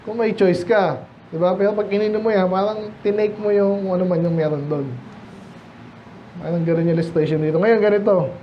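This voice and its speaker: High-voiced preacher, chatty and rhetorical. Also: male voice, fairly even intonation, muffled recording, a little hiss or hum. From Philippines. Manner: conversational, mixes in slow solemn scripture readings; frequent rhetorical questions to the congregation. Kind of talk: midweek Bible study sermon.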